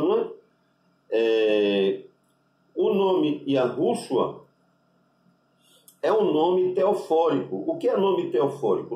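A man with a Brazilian Portuguese accent, a rabbi giving an unscripted religious lesson, deliberate and spelling out Hebrew letters with constant tag questions. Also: on the high side, mellow, far from the mic. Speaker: rabbi teaching Hebrew names. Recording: echoey room, voice off-mic.

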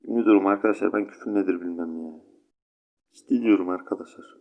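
A man's voice: low-pitched, quick pace, phone-quality sound. A sleepy young man with a stuffy nose, rambling chattily to his viewers while commenting on his gameplay. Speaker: gaming channel host.

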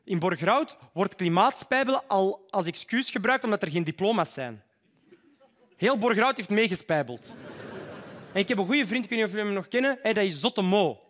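Animated Flemish stand-up comedian. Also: male voice, high voice, a little fast. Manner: animated, mocking, acts out voices.

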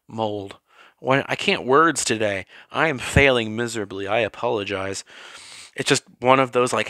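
A man's voice: fairly low pitch, sharp tone, dry recording. A man casually walking through his toy collection, rambling, correcting himself and getting worked up in short rants.

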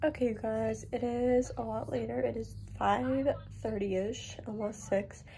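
A young adult woman vlogs casually into a phone held at arm's length, chatty and rambling, moving between her bedroom and car. Her slightly high, steady voice is gravelly from a cold and paced measuredly, with background noise present.

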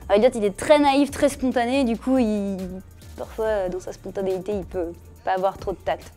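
A woman's voice: medium pitch, steady tone, normal speed, warm tone, soft background music. A young woman ventriloquist chatting casually in an interview, playfully teasing her puppet partner. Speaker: ventriloquist performer.

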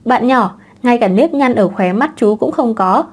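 A woman's voice: on the high side, animated, measured pace, a little mellow, slightly rough. A woman voicing a vain, irritable thirty-year-old man in an audiobook. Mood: forced calm.

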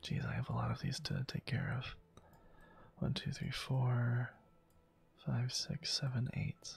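A man quietly whispering casual ASMR gameplay commentary, musing aloud to himself as he plays, with keyboard and mouse clicks. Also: medium pitch, huge pitch swings, unhurried, vocal fry, husky. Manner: soft-spoken, musing aloud while playing. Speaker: gameplay channel host.

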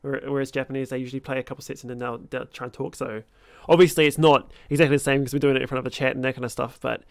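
A man, chatting informally and haltingly about games as a streamer, swearing casually. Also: medium pitch, little pitch movement, vocal fry, dry recording. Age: 20s. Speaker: streamer and host of a gaming series. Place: small room at home. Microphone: close desk microphone.

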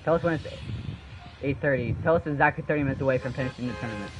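A young man playing an online game with a friend, talking fast and animatedly and swearing when excited, on a headset. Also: mid-range voice, over music. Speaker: gamer teammate. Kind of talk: casual gaming chat. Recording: noisy game audio behind.

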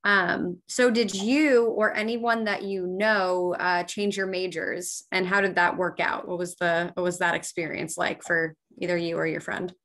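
A woman's voice: fairly low pitch, level tone, measured pace, hardly any pauses, a bit bright. A woman moderating a panel, affirming answers and asking the next question over a laptop microphone on a video call. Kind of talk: casual panel talk.

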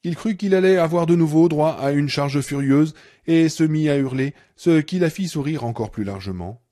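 A man narrating a novel in a measured, dramatic audiobook reading. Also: fairly high pitch, dark tone. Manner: measured, dramatic, darkening on tense passages.

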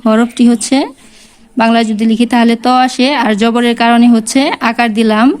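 A woman teaching Quran reading step by step, slowly repeating each syllable in drills. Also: on the high side, flat delivery, darkish tone, clear, resonant tone, low-quality recording. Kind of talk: step-by-step lesson.

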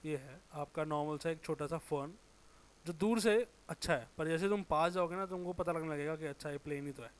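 A man with a sore throat giving a casual, informal software tutorial, thinking aloud, correcting himself and muttering as he works. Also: fairly high pitch, fairly quick. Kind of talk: casual screen-recorded tutorial.

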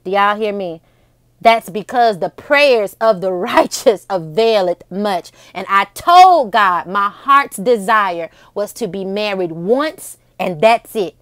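Smooth-voiced young woman preaching casually. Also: medium pitch, takes it slowly, no room sound, studio quality. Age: 20s. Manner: lively storytelling, preachy asides. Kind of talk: faith-based talk to camera.

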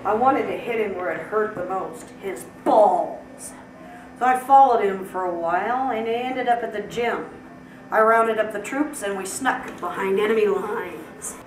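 A woman's voice: mid-range voice, a little slow, lightly acted. A woman playing an angry, militant gang leader, telling things in a combative mock-military manner. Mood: bragging, combative. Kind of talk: mock news interview. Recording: echoey, distant, slightly noisy room.

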